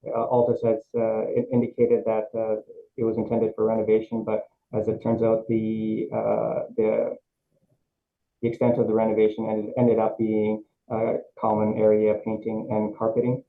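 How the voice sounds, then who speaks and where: A man testifying as an assessor at a review board over a video call, halting, with many fillers and restarts. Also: fairly low pitch, completely flat delivery, creaky. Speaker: city assessor presenting at a hearing. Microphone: remote video call, microphone held close. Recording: tinny video-call audio with faint hiss.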